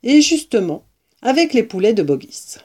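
A woman reading a children's novel aloud as narrator, in a calm, unhurried storytelling manner. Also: a little high, husky. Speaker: audiobook reader.

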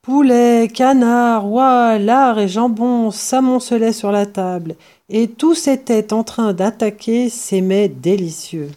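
A woman reading a children's storybook aloud in slow, measured narration. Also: a little high, warm tone.

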